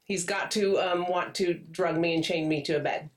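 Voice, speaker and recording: A woman's voice: on the low side, fairly even intonation, moderate pace, distant mic, a little hiss or hum. Giggly woman co-host, slightly off-mic. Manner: giggly and chatty, laughs often. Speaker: podcast co-host. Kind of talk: casual chat about romance books. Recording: voice a bit off-mic.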